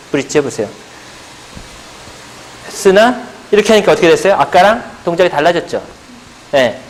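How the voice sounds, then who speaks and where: A middle-aged male pilates instructor with a high-pitched voice lectures in a seminar room, posing questions to the audience and answering them himself. He adds playful buzzer sound effects, and there's a slight hiss or hum on the audio.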